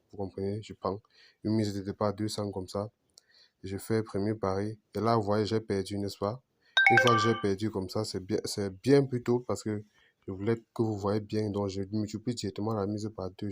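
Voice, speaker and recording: A man with a low voice narrates a screen-recorded tutorial. He talks casually, repeats and restarts phrases, and keeps checking in with his viewers. The sound is dry, with no room echo. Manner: repetitive, restarts phrases, asks "vous comprenez"; apologizes for his accent. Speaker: betting channel host.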